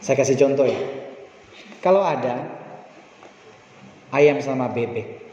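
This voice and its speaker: A man preaching a sermon as pastor, animated and addressing the congregation directly. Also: slow, a little hiss or hum. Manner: animated, rises high when stressing a point; speaks to the congregation directly, often saying "brothers and sisters". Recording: roomy church hall, distant mic, dull sound.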